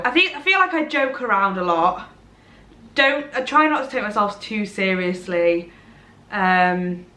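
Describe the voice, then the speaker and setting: Her voice is on the high side, bright and forceful, and the room is echoey. She's a vlogger in her twenties from Derbyshire with an English Midlands accent, rambling casually and self-deprecatingly to a camera in a bright room at home.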